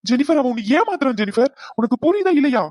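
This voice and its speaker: A man's voice: sits high, animated, fast talker, no room sound, clean studio sound, voice pushed up. A man voicing a remorseful, pleading father in a cartoon, with a strained tone. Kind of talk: cartoon voice acting.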